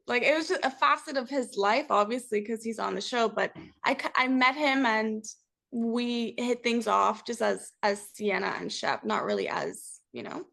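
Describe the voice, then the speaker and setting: A young woman speaks as a guest in a casual interview. Her voice sits a bit high and has plenty of vocal fry. She talks in a candid, reflective, conversational way. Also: animated, moderate pace, a bit bright. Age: young adult. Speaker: interview guest, reality TV cast member.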